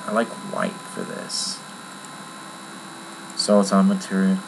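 A man's voice: sits low, sing-song, slow pace, gravelly. Offhand man with a faint mains hum. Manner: rambling and offhand, with many fillers. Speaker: tutorial maker. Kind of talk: casual screen-recorded software tutorial.

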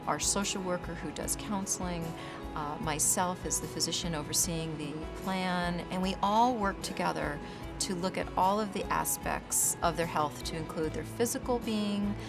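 A woman physician explaining a cardiac rehab program in a calm, measured documentary interview. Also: on the low side. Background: background music.

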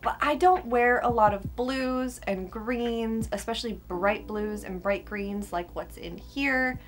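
A woman's voice: on the high side, slow. Young woman with a whistling s, casual chat. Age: young adult. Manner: emphatic, casually sweary. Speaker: beauty vlogger. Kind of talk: casual chat to camera, product ranking. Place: small furnished room indoors.

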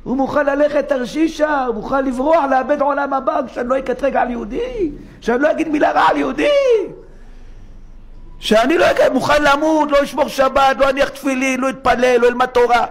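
A man's voice: very high-pitched, a bit bright. A male rabbi giving a sermon in a synagogue, dramatic, acting out complainers through rhetorical questions. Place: synagogue study hall.

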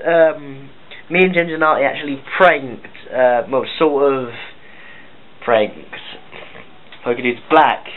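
A man who is ill, hosting a casual vlog with a muffled voice and lots of hesitant ums. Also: a little high. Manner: hesitant, many ums and uhs. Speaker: channel host. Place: at home. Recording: tinny lo-fi phone-like recording with faint hiss.

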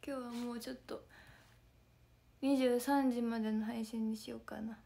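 Hoarse young woman chatting softly. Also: on the high side, fairly even intonation, moderate pace. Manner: soft, chatty, often slips into a whisper. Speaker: idol group member streaming to fans. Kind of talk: casual livestream chat.

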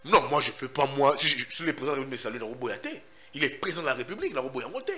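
Animated Congolese man defending himself. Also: mid-range voice, fast, crowd noise. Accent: Congolese French. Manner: emphatic and insistent, repeats himself. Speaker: journalist, interviewee. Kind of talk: animated interview answers, mixing in Lingala.

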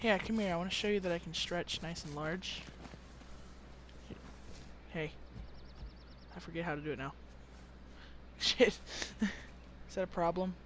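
A man's voice: high-pitched, unhurried, long pauses, a bit bright, a little hiss or hum. A man chatting casually and joking while playing a game with a friend. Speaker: gamer. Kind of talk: casual gameplay chat.

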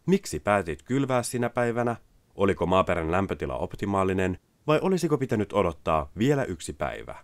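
Deep-voiced man, dry voice-over. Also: sing-song, no echo. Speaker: narrator. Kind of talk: scripted product narration.

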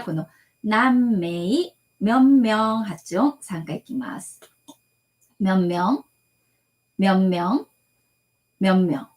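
A woman teacher leads an online language lesson, patiently drilling each model sentence several times. Her pitch rises and falls in a lively way as she explains. She pads her explanations with gentle fillers. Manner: slow, patient drilling with repeated model phrases; adds frequent softening fillers. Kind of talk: online lecture.

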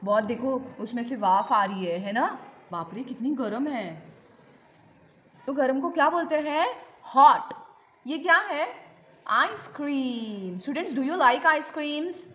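Slow sing-song woman teaching small children. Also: high-pitched, animated, fairly bright tone. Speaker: kindergarten teacher. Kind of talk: children's lesson with questions and answers.

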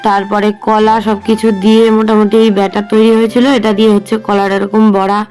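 A woman's voice: mid-range voice, little pitch movement, a little fast, darkish tone, soft background music. A woman in her thirties chatting to viewers in a casual family vlog, explaining what is going on at home. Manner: coaxing, sing-song talk to small children. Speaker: vlogger.

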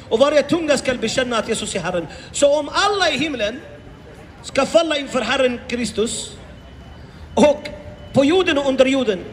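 Very high-voiced man street preaching. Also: a bit bright, big-room sound, a little hiss or hum. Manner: impassioned, rhetorical questions, repeats phrases. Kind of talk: open-air evangelistic preaching. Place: outdoors on a city street.

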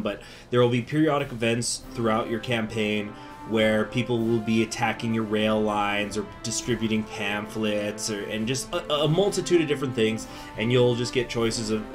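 Low-voiced man talking through a mask. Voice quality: speaking through a face mask. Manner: chatty, informal explaining. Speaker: gaming video host. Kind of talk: strategy game tutorial commentary. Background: music.

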